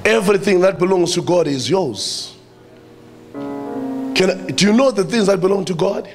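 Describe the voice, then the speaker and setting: A man's voice: high-pitched, lively intonation, normal speed, darkish tone, faint music behind. A man with a South African accent preaching a sermon, addressing the church and repeating his phrases for emphasis.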